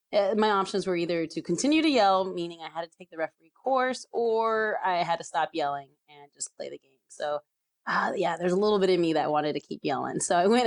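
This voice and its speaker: A woman in her thirties from California, a soccer referee telling her story in a relaxed podcast interview, chatty with many fillers and laughs. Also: on the low side. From San Diego, California.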